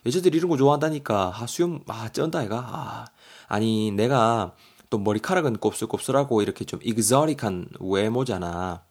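A man's voice: mid-range voice, moderate pace, natural voice. Man playing a cocky young man, Gyeongsang accent, boastful, swaggering. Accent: Gyeongsang Korean. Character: cocky young man bragging about his beard.

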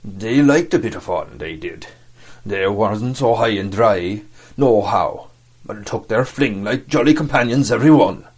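A man voicing a gruff, grumbling pirate coxswain for an audiobook, with a growl and blunt, rough sailor talk. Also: fairly low pitch, animated, a little slow, darkish tone. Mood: resentful. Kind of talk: audiobook character acting.

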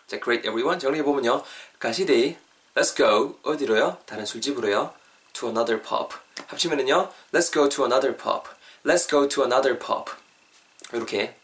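A man hosting a podcast English lesson, chatty and questioning his listeners, slowing down to repeat example phrases. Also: mid-range voice, fairly bright tone, distant mic. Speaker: English teacher, podcast host.

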